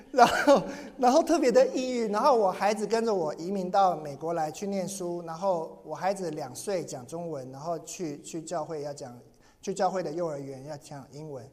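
A man's voice: high-pitched, normal speed, a little mellow. A pastor preaching in earnest, telling a personal story and often repeating and restarting his words. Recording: long hall reverb.

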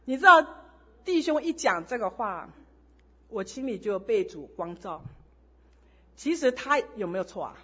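A woman's voice: mid-range voice, very animated, a little slow, pauses often, husky, muffled recording. A woman sharing an earnest testimony in a sermon, telling stories and exhorting listeners. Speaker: church speaker sharing testimony.

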